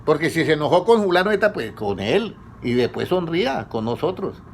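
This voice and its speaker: A man preaching conversationally, asking his congregation questions and letting them answer, his pitch rising on each question. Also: big pitch swings, brisk, a little hiss or hum. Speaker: pastor leading a Bible study. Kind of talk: conversational sermon.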